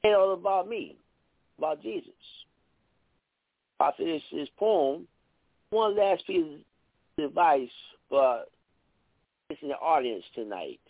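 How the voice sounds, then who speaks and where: A man's voice: on the high side, animated, measured pace, pauses often, no echo. A middle-aged man is heard calling in to a radio show over a thin, tinny phone line. He recites his lines earnestly and chats with small restarts. The sound is dry, with no room around it. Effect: heard over a phone line on a radio call-in show. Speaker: radio show caller and poet.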